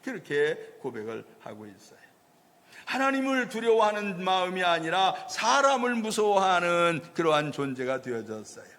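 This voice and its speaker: A man's voice: high-pitched, sing-song, moderate pace, fairly bright tone. Male pastor preaching in a reverberant hall. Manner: acts out quoted voices in storytelling preaching. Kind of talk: sermon. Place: church sanctuary.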